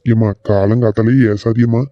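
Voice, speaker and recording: A man's voice: lowish voice, level tone, normal speed, no room sound, dull audio, lightly acted. A man playing a mild, pleading young husband. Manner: pleading, peacemaking. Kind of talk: cartoon voice acting.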